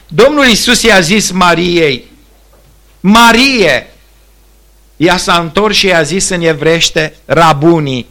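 Bright high-voiced preacher man. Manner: earnest, expressive preaching with rising emphasis. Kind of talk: sermon.

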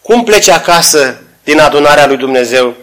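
Bright-voiced man preaching a sermon. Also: fairly high pitch, animated. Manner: earnest preaching, reading scripture aloud.

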